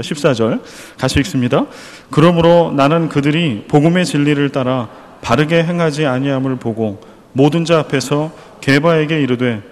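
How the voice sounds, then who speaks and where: A man's voice: fairly high pitch, darkish tone, long reverb tail. A man preaching an earnest sermon as pastor, praying aloud and asking his congregation rhetorical questions. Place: church.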